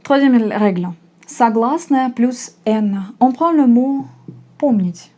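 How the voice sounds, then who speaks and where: A young woman from Russia, whose voice is fairly high and warm, teaches a language lesson. She goes slowly and patiently, saying each example more than once.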